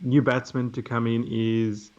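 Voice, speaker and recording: A man's voice: mid-range voice, level tone, a little slow, a little mellow. Man, live stream co-host, casual cricket chat, reads viewer comments, dull muffled sound.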